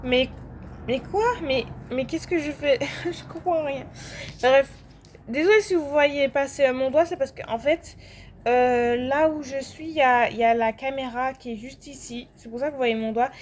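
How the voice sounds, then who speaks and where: A woman's voice: high-pitched, moderate pace. A young French woman chatting casually while playing a video game, rambling with lots of fillers and restarts and sudden outbursts. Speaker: gaming vlogger.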